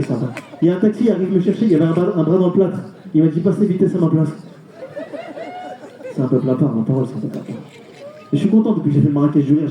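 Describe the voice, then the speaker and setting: A male stand-up comedian doing a live routine, telling rapid, animated stories and slipping into acted voices. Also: high-pitched, lo-fi sound. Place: live comedy show venue. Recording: echoey venue with crowd.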